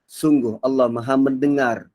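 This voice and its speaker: A man giving a Quran reflection lecture. He is expressive and swings between soft and loud delivery. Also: mid-range voice, moderate pace. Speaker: religious teacher.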